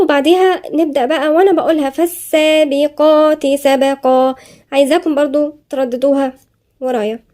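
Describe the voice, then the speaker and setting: High-voiced Egyptian woman teaching tajweed. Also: dark tone. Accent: Egyptian Arabic. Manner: explains letter by letter, then recites slowly and drawn out. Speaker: Quran recitation teacher. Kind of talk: tajweed lesson with slow recitation.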